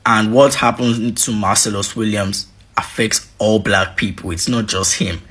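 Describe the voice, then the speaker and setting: A man's voice: lowish voice, fairly even intonation, unhurried, a bit bright, husky. A man giving an impassioned activist speech, fiery and exhorting, repeating his points for emphasis. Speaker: activist speaker.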